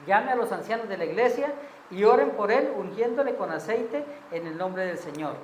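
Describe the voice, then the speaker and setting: A woman's voice: mid-range voice, expressive, normal speed, a little mellow. A woman leading a church Bible study, talking in a conversational way and often checking in with her listeners. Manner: conversational, asks the group "¿cierto?" often. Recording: echoey room with faint noise.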